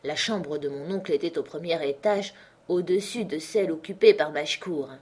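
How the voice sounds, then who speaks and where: A woman narrating a classic novel as an audiobook, in clear, measured storytelling. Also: low voice, a little mellow. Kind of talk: reading a classic novel aloud.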